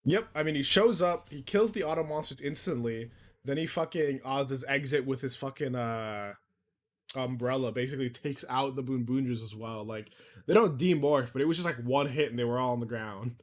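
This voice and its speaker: A man chats through a show recap in an easy, laid-back way, cursing freely and slipping into characters' lines. His voice sits at an everyday middle pitch. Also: normal speed. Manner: laid-back, sweary, acts out quotes. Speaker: podcast co-host. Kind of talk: casual episode recap chat.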